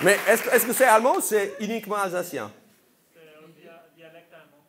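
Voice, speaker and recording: A man doing crowd-work stand-up at a comedy venue quizzes the audience with playful, incredulous questions. His voice sits high and his pace is brisk, with the live audience and room noise audible behind him.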